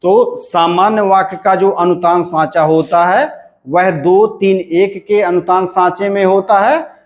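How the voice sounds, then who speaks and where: A man teaching a grammar lesson, slow and repetitive, asking questions and answering them himself. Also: high voice, steady tone. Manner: clears his throat now and then. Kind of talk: classroom-style lesson explanation.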